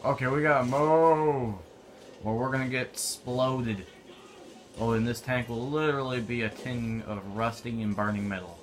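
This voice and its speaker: A man's voice: medium pitch, steady tone, moderate pace. A young man giving casual, offhand commentary while playing a war video game. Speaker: gameplay commentator. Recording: noisy game audio behind.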